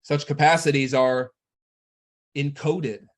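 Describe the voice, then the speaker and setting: A man delivering a spiritual lecture in a measured, earnest instructional manner. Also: a little high, steady tone.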